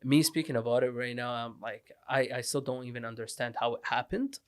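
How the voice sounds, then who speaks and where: A man's voice: medium pitch, brisk, smooth. A man from the Middle East hosting a casual podcast, talkative, with frequent laughs and restarts. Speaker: podcast host.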